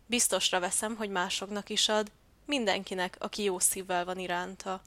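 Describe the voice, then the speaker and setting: A kind, cheerful dove, as a woman reader puts him on, speaking warmly and a bit loud. The sound is dry and close. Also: mid-range voice, little pitch movement, no echo, close to an everyday voice.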